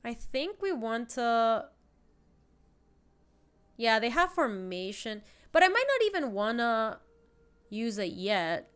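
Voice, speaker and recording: A young woman with a stuffy cold plays a card game on a live stream from her indoor home streaming room, casually chatting and answering her chat. Her slightly high voice is sing-song, fairly bright, clear and resonant, with a slow pace and long pauses.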